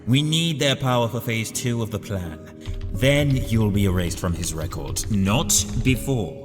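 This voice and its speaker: A man's voice: lowish voice, expressive, a little slow. A man voicing a vain, scheming villain doctor in a comic dub, with pompous, theatrical, articulate delivery. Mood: condescending. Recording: music behind the voice.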